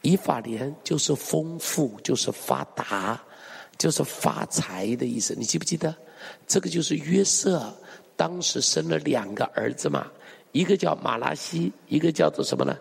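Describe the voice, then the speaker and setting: A man's voice: on the high side, lively intonation, normal speed, vocal fry, husky, big-room sound. A male pastor preaching a sermon, emphatic and full of rhetorical questions to the congregation. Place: church hall.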